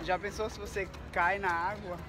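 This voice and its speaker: A young Brazilian man in his twenties is making a casual travel vlog on a city waterfront pier, filming himself on a phone held at arm's length and chatting excitedly to viewers. His voice is high-pitched at a normal speed, with background noise around him.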